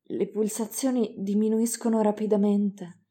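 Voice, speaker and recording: A woman voicing a nervous young male assistant doctor who speaks timidly in a low, hushed voice. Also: little pitch movement, measured pace, natural voice. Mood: choked.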